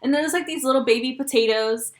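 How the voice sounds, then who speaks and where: A young woman co-hosting a podcast, telling stories in a lively, laughing way and swearing casually. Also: high voice, fast. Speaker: podcast co-host. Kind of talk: casual chat. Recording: echoey room.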